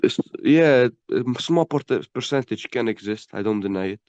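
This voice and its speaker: Sparring as a stranger in a fiery online debate, a man with a medium-pitched, slightly mellow voice and lively intonation halts, repeats words, and dismisses others bluntly. The sound is dry and muffled, without room ambience.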